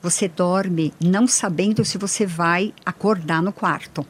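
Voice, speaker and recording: A middle-aged woman recounts a personal ordeal as an interview guest. Her voice sits a little low, and she tells her story in an earnest, heartfelt way, often tagging her sentences with small checks to the listener. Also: a little slow, husky. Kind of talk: emotional personal testimony.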